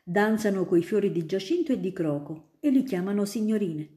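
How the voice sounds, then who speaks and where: In a storybook reading, a woman voices a kind young male student spinning fanciful tales for a little girl. She speaks in a mid-range voice close to her everyday one, at a moderate pace, with enthusiastic, animated storytelling. The recording has a roomy echo.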